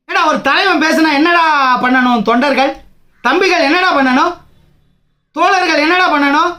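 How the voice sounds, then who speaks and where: A man's voice: very high-pitched, pushed and bright. A man from Tamil Nadu, a trade union leader, giving an angry political speech, combative and taunting, firing rhetorical questions.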